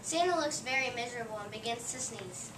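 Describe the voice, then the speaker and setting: A woman narrating, reading the stage directions of a play in a plain, steady voice. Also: on the high side, a little fast. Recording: echoey room, distant mic, noise.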